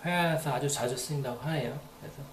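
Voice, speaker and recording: A man who teaches English gives a casual, rambling spoken lesson, repeating phrases aloud to demonstrate them. His medium-pitched voice moves fast, and the sound is roomy with slight background noise.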